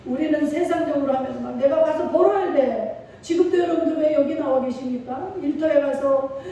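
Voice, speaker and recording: This is a middle-aged female pastor, high-pitched and mellow, preaching with feeling and call-and-response inside a church sanctuary. A little hiss or hum runs through the distant, echoey hall recording.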